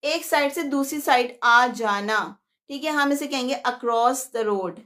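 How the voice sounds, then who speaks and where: A young woman from Pakistan teaches a live online lesson. Her voice is high and she speaks unhurriedly. She explains step by step and moves between Hindi-Urdu and English. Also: slow, a bit bright.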